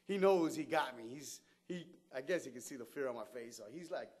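A man tells his own life story in casual street slang, with a voice in a middle pitch for a man. He gets animated, playing out the people in his memories and laughing as he goes. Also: a little fast, husky. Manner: animated, acts out quotes, laughs often. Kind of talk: personal life story told to camera.

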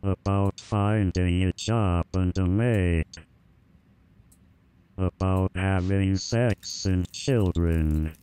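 Very slow, deep, smooth male reader. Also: mellow. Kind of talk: scripted reading of a personal essay.

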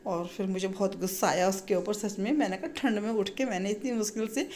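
A woman's voice: medium pitch, fairly even intonation, fast talker, a little mellow, a little hiss or hum. A woman in her thirties from India, chatting casually through a home vlog in her kitchen with a sore throat, often tagging sentences with little fillers. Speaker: vlogger and mother.

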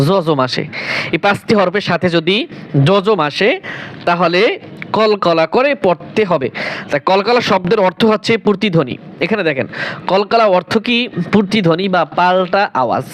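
A man with a Bangladeshi Bengali accent teaches Quran pronunciation in a high voice. He drills each syllable, repeating it slowly and clearly. A faint hiss sits under the recording. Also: lively intonation, fairly bright tone, poor audio. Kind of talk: spoken tutorial lesson.

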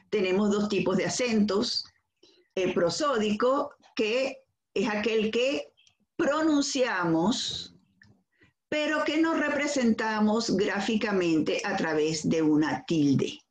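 A woman's voice: mid-range voice, lively intonation. Woman, Venezuelan accent, schoolteacher, careful step-by-step explanation, echoey room. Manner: slow, careful explanation with examples and rhetorical questions. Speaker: teacher. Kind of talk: recorded school lesson on accentuation.

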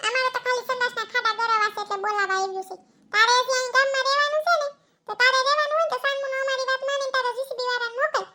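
Shrill, bossy village women with a Kathiawadi accent. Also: female voice, fairly even intonation. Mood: scolding. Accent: Kathiawadi Gujarati. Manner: shrill, quick, nagging and shouting. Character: loud bossy village women, middle-aged, scolding. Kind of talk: cartoon comedy voice acting.

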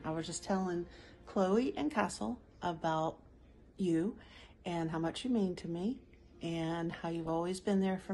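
A woman's voice: mid-range voice, warm tone. A woman recording a heartfelt, affectionate video message to a close friend. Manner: affectionate, sincere.

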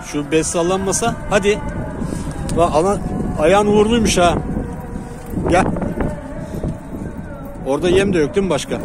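A man filming his pigeon loft outdoors in a city, chatting casually and calling loudly to coax his birds in. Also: high-pitched, moderate pace, pauses often. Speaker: pigeon keeper and channel host. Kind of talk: casual outdoor vlog chat. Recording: noisy outdoor recording. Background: birds and city traffic.

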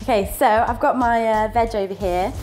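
A young adult woman with a northern English accent, a student presenter, chats playfully while cooking in a small indoor kitchen, laughing often and making little sound words. Her voice is a little high and a little mellow, at a moderate pace, with soft music in the background of this casual cooking demonstration.

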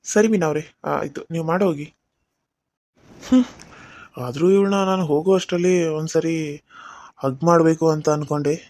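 A man's voice: a little high, a little fast, pauses often, a little mellow, no echo, close to an everyday voice. A man voicing a young husband who muses aloud to himself in a cartoon serial. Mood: musing. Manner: casual thinking aloud.

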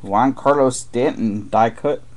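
Hosting a live card break, this man speaks slowly at a medium pitch, muttering commentary as he tears into trading card packs. Boxes sit on a desk in the room, and wrappers crinkle faintly in the background.

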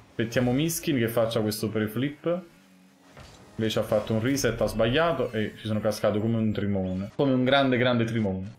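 A young man commentating his own gameplay live, muttering one moment and yelling the next. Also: medium pitch, echoey room. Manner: excitable, swings from muttering to yelling. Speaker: gaming streamer.

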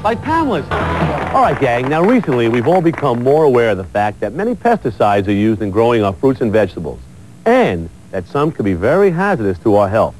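A man hosting a fitness TV show, coaching a workout with energetic calls and then interviewing a guest. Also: fairly quick, faint music behind, low-quality recording. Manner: pumped-up coaching calls, lively pitch.

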